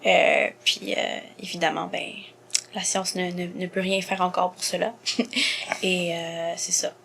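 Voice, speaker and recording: Soft-spoken young Quebec French woman. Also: fairly low pitch, level tone, measured pace, creaky, slight background noise. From Montreal. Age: 20s. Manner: soft-spoken, many fillers, trails off quietly. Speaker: interview guest.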